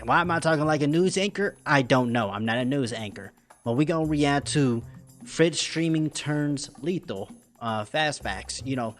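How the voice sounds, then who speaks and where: A man streams his reaction in loose, conversational slang. His voice sits mid-pitch, and faint music plays under it. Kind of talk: casual reaction commentary.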